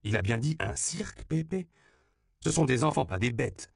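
A man's voice: mid-range voice, big pitch swings, normal speed, vocal fry, darkish tone, no room sound, clean studio sound, voice pushed up. A man voicing a fretful, incredulous middle-aged man from Iowa. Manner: anxious, incredulous.

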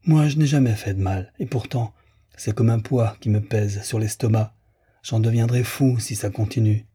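A distraught young idealist pleads in a doleful, plaintive voice that sits a little higher than the reader's own, as a man puts him on for an audiobook. The tone stays dark and mellow, with a husky grain. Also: normal speed. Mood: despairing.

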